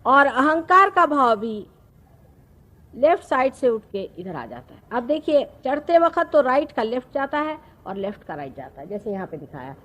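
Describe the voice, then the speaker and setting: A woman, giving a slow, explanatory spiritual discourse with pauses. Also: sits high, big pitch swings, fairly bright tone. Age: 50s. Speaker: spiritual teacher. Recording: archival talk recording.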